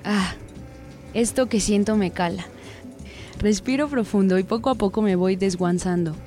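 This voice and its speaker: A woman giving a dramatic first-person story reading, full of crude slang and unhurried delivery. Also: mid-range voice, mellow, faint music behind. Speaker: narrator.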